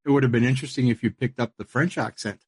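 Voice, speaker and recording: A man's voice: mid-range voice, fast, a little mellow, breathy edge, no echo. A man hosting a podcast, asking questions in a friendly, conversational way. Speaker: podcast host. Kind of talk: casual podcast interview.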